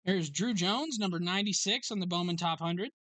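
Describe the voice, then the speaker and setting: A host runs a live card break in a sports card shop and reads out each pull in a steady, matter-of-fact roll call. The voice is bright and forward. The sound is dry and close, with little room around it. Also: mid-range voice, dry recording. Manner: brisk roll call of card names and numbers.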